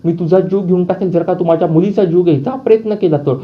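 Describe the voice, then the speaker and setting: A protective father threatens and demands answers, stern and unyielding, as a man voices him in a serial recap. He speaks fast and slightly high. The audio is dull and lo-fi. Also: natural voice. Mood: threatening.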